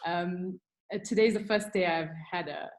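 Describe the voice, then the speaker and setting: A middle-aged creative director from Durban, South Africa, talks candidly as a guest in a casual webinar over a video call. Her voice is fairly low and moderately paced, with plenty of ums and restarts.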